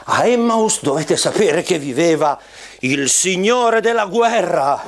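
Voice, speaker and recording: A man in his sixties, a puppeteer, telling a story to children in an animated style. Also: extremely high pitch. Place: small furnished room indoors.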